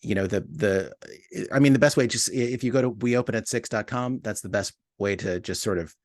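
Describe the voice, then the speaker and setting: Speaking briskly in a lowish, darkish voice, a podcast writer and co-producer chats as an interview guest, casual and reflective. He gropes for words in a hesitant, self-mocking manner, recorded cleanly in a studio with no echo.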